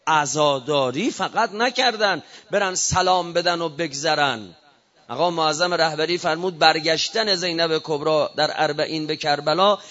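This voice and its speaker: A man's voice: fairly high pitch, fairly bright tone, lo-fi sound. A man preaching an emotional memorial sermon, his delivery swelling and falling. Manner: rising and falling emotional oratory.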